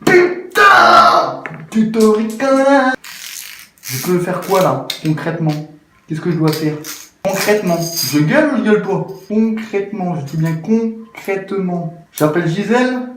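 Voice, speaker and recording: A man joking and swearing loudly as he struggles through a chaotic do-it-yourself repair video, muttering one moment and yelling the next. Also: sits high, normal speed, distant mic. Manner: swearing, frustrated, joking, swinging between mutters and yells. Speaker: YouTuber. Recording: very echoey room, faint noise.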